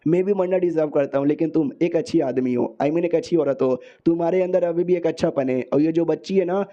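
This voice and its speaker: A man voicing an earnest young male hero who reasons calmly with a foe, in his own everyday voice. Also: fairly high pitch, fairly quick, dull audio, lightly acted.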